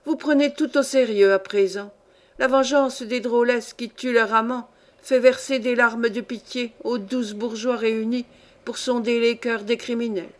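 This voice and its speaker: A woman's voice: fairly high pitch, steady tone, a little slow, close to an everyday voice. A woman reading a story aloud, voicing an indignant, worldly old grandmother who lectures her granddaughter with scorn. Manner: scornful, lecturing, sweeping tirade. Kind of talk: audiobook reading.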